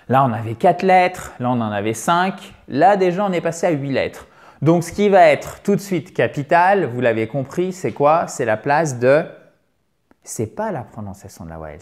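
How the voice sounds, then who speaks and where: A man's voice: mid-range voice, a little mellow. Playful man teaching pronunciation. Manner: playful, exaggerates vowel sounds for demonstration; checks in with listeners often. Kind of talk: online language lesson.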